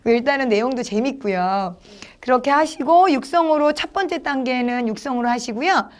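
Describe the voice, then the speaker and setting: Brisk, chatty middle-aged woman instructor, high voice, explaining teaching steps. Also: animated. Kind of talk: lecture for teachers.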